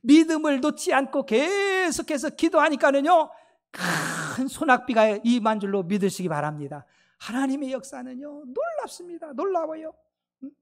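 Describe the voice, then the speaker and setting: High-voiced, fervent woman preaching. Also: animated, moderate pace. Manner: fervent, with repeated blessings and hallelujahs; sweeping rises and drops in pitch and loudness. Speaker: pastor. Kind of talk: sermon.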